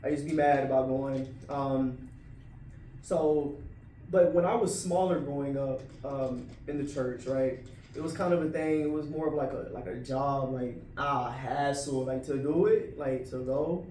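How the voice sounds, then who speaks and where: A man's voice: medium pitch, fairly even intonation, unhurried, warm tone, distant mic, slight background noise. A man in a casual discussion, talking in a laid-back way, full of fillers like "like" and "right". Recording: roomy audio from off-mic.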